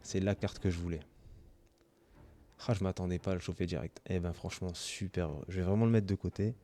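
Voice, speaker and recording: A man's voice: low voice, fairly even intonation, a little fast, dark tone, faint music behind. A man hosting his own channel, opening trading card packs in casual commentary, reading off card names and gushing with delight over his pulls.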